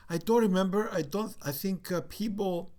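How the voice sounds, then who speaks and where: A man in his sixties from Cyprus with a light Cypriot accent, recalling the past in a casual family interview, halting often with fillers. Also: high-pitched, a little mellow. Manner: reflective, halting with many fillers. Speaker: interviewee, father.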